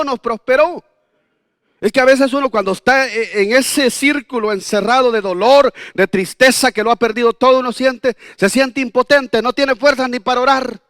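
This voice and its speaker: A man's voice: high voice, a bit bright, dry recording, clean studio sound. A man in his fifties preaching a sermon as pastor, telling folksy personal stories with jokes and rhetorical questions. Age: 50s.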